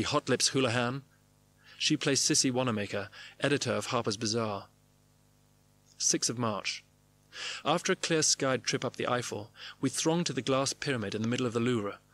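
A man's voice: medium pitch, a bit bright. A man narrating his own diary entries in clipped, wry phrases. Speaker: narrator reading his diaries. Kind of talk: scripted memoir narration.

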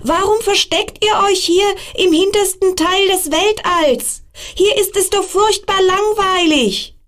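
A woman voicing a lonely little boy star in a storybook tale, in a high pleading child's voice. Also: a little slow, fairly bright tone. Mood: eager pleading.

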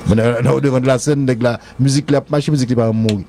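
Haitian male commentator, rapid rambling delivery, mellow dark tone, repeats himself. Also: medium pitch, fairly even intonation, slight background noise. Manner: rambling, repeats phrases, laughs often. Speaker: music commentator. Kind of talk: casual radio-show debate.

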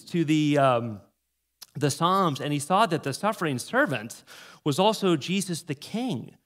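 Speaking into a handheld mic from a church stage, a middle-aged American pastor delivers a sermon full of stories, hitting key words with animated emphasis. His voice is a little high.

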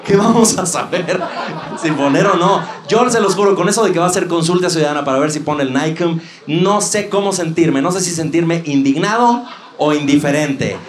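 A young Mexican man doing live stand-up comedy, crude and mocking, shouting punchlines to a laughing crowd on a club stage. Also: on the high side, moderate pace, echoey room.

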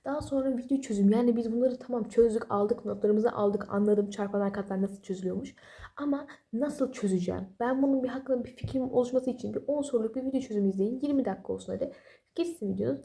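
Young woman vlogger, very dark mellow tone, quick chatty delivery, sleepy late-night talk without a proper mic. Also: a little high, vocal fry. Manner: rambling, apologetic, chatty with self-deprecating jokes. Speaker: study vlogger. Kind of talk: casual late-night study advice. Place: home at night while family sleeps. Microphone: no external microphone.

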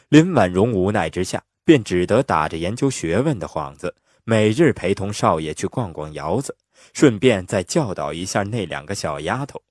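A man narrating an audiobook in an expressive, lively storytelling manner on a close mic. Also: on the low side, dry recording.

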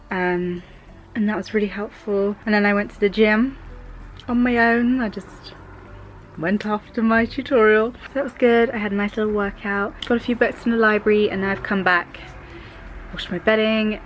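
A young woman chats about her day to a close camera in her bedroom. Her voice sits in a middle pitch and stays upbeat, with light laughs and loose fillers. A faint hiss runs underneath. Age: 20s. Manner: chatty and upbeat, quick laughs, many fillers. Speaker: vlogger and fashion student. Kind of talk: casual vlog chat to camera. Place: student bedroom, indoors.

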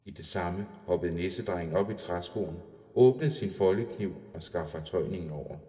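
A man reads a storybook aloud in a calm, measured voice. His voice is very deep and mellow. The recording rings in a roomy space with a long reverb. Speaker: narrator. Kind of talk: storybook reading.

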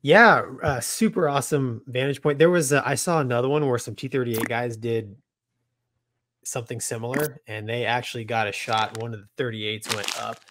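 An American man in his forties, a military pilot who co-hosts a podcast, chats casually and informally. His voice is mid-range and fairly bright, at a moderate pace, captured on a close studio mic with headphones in a small home studio room.

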